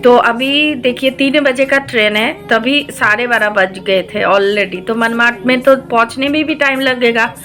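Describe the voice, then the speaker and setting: A woman vlogger recounts her own story to her viewers at an unhurried pace. Her voice is bright and a little high, and she hesitates often, filling pauses and dropping in English words. Faint music plays underneath. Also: steady tone. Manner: slow, hesitant, with many filler sounds and English words mixed in. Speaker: devotional vlogger.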